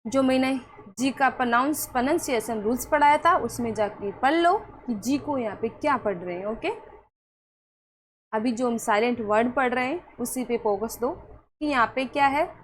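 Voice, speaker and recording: A woman's voice: a little high, moderate pace. A woman teaching English pronunciation rules in a patient classroom manner, repeating each rule and often asking whether her students have understood. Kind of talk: classroom lesson.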